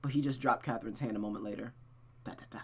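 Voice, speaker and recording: Speaking quickly with a husky, vocal-fry quality, a mid-pitched streamer narrates a visual novel with expression, dropping in offhand comments along the way.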